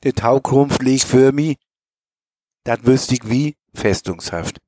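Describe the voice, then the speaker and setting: Storyteller, male, strong Mecklenburg Low German accent, homely reading with small stumbles, dry close recording. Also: slow, darkish tone, dry recording. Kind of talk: reading a memoir tale aloud.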